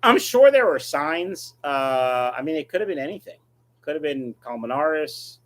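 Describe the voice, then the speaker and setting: A man hosting a casual livestream, reading viewer questions and answering them in a blunt, offhand way. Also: a little high. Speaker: livestream host, aquarium fish breeder.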